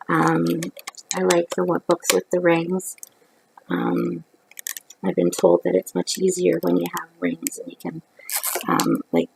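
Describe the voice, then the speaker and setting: A middle-aged Canadian woman, hoarse from a cold, rambles chattily with lots of ums while showing off a craft haul from her living room couch at night. Her voice is on the low side and a little mellow, caught by a close webcam in a rough recording with some hiss or hum.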